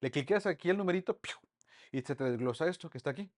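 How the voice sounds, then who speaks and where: A man teaching an online Bible study lesson, lively and full of rhetorical questions to the group. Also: fairly high pitch, rapid-fire.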